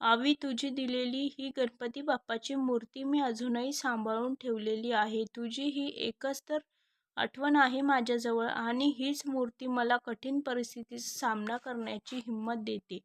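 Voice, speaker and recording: A woman voicing a gentle, earnest young woman in a storybook reading. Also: on the high side, fairly even intonation, a little slow.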